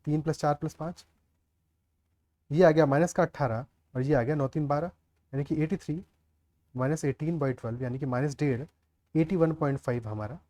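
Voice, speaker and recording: A man's voice: on the high side, fairly even intonation, a little fast, long pauses, dark tone. A man teaching a maths lesson step by step, often checking with the class whether they follow. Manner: explains aloud, often checks the class with "clear?" and "okay".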